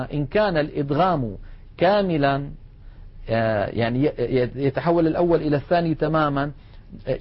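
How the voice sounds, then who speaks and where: A man teaching a tajweed lesson, addressing his students as he explains each rule and slowly recites the examples. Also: a little high. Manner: slow drawn-out recitation of examples between explanations; addresses students directly, instructive. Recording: dull lo-fi recording.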